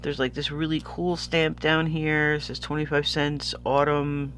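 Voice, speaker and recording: A man with a slightly high voice and a sniffly sound chats casually through an unboxing. He rambles and loses his thread easily. The recording has a noticeable noisy hum. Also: flat delivery, unhurried, fairly bright tone. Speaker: vlogger showing stationery purchases.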